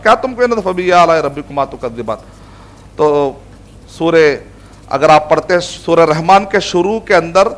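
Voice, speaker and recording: High-voiced male Islamic lecturer. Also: fairly bright tone. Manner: explanatory, mixes in English words and Arabic recitation. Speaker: Islamic scholar teaching Quran. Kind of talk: religious lecture.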